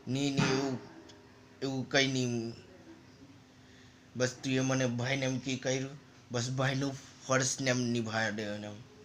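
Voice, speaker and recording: A man's voice: mid-range voice, level tone, moderate pace, long pauses, noisy background. A man casually narrating a story over a game, in loose, rambling and repetitive phrases. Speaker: gaming channel narrator.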